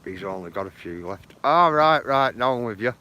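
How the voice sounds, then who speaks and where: Walking by the water on a live stream, a Lancashire-accented northern English man chats casually, greeting viewers by name with slang like bro and bruv. His mid-range voice is expressive, brisk and sharp, with the highs cut off.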